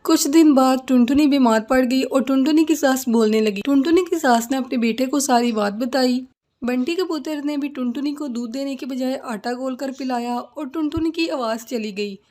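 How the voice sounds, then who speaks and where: A high-pitched woman narrates a children's animated tale at normal speed. It is scripted, third-person storytelling.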